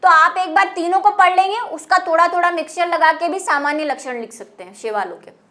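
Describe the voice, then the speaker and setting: A woman's voice: extremely high pitch, a little fast, sharp tone. A woman teaching a biology lecture, explaining terms patiently in Hindi and English. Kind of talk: classroom lecture.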